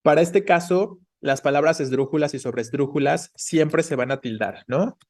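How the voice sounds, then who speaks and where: A man's voice: a little high, normal speed, a little mellow. A man teaching an online class, explaining patiently and checking in with the students often. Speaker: Spanish teacher.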